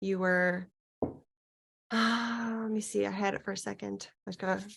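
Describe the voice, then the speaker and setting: Creaky-voiced woman, musing mystical healer. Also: medium pitch, fairly even intonation, fairly bright tone. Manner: slow, halting, searching delivery with long pauses, like a mystical healer. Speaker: spiritual healer leading a client session. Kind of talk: unscripted guided healing session, musing aloud.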